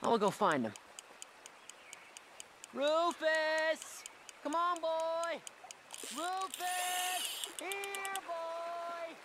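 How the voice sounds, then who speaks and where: An actor voicing an earnest, sensitive teenage boy who is quick to panic. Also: high-pitched, sing-song, background noise, full character voice. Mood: calling. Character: anxious teenage son, sensitive, eager. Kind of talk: video game voice acting.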